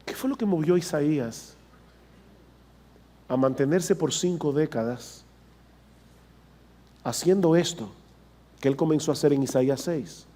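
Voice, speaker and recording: A pastor with a high-pitched voice delivers a sermon. He preaches emphatically, repeating words for stress and asking his listeners questions directly. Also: a little slow, long pauses, dark tone.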